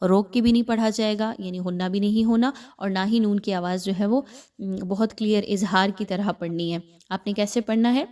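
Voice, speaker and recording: Woman teacher walking through recitation rules slowly and patiently, drops in english words here and there. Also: mid-range voice, mellow. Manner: patient, step-by-step explaining. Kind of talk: recorded online class.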